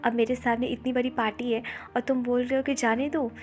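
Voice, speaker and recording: A woman's voice: fairly high pitch, flat delivery, fairly quick, darkish tone, close to an everyday voice. A woman voicing a hungry male fox demon mocking a trapped child in a story recap. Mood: gloating. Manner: mocking, relishing his prey.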